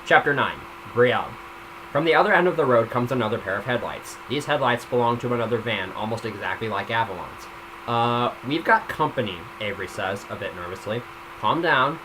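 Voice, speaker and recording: A man with a fairly low voice reads a story he wrote himself, speaking fast in a casual, amateur way. He stumbles now and then and slips in informal comments of his own, captured in a noisy home microphone recording.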